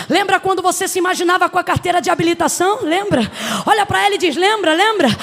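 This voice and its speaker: A woman from Brazil preaches to a church congregation in a very high, gravelly voice. She tells her story with drama and rises into shouted, fervent exhortation. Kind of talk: emotional sermon.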